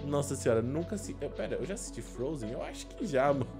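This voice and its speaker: A young Brazilian man giving casual, slangy reaction commentary as a gaming YouTuber, expressive and prone to exclaiming. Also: mid-range voice, fast, over music. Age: young adult. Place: small indoor room at a desk.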